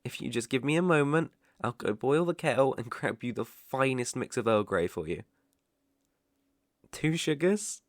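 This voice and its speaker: In an ASMR roleplay, a man plays a polite, devoted young British butler who teases gently, using formal, deferential phrasing in a mid-pitched, natural voice. His manner is softly attentive, with lively intonation and a moderate pace. The sound is close and dry, with no room or echo.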